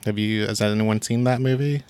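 A man's voice: on the low side, fairly even intonation, a little fast, a little mellow, clear, resonant tone, no echo. A man on a casual film podcast, speaking hesitantly with many ums and uhs. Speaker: podcast co-host. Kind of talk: casual chat.

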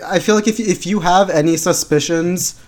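Podcast co-host, mid-pitched, relaxed, hedging, reads aloud now and then. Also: normal speed. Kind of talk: casual chat, reading aloud.

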